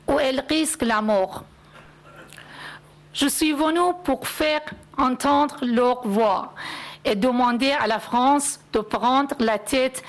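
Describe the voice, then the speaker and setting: A woman delivers her testimony at a conference in short, measured phrases. Her voice sits high, and she speaks slowly and solemnly. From Iran. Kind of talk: prepared testimony speech.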